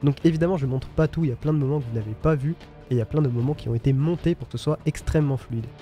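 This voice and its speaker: A man's voice: medium pitch, dark tone, soft background music. A man hosting his own video, explaining his editing to viewers in casual, direct commentary. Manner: fast, direct, addresses viewers as "les gars". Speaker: YouTube host.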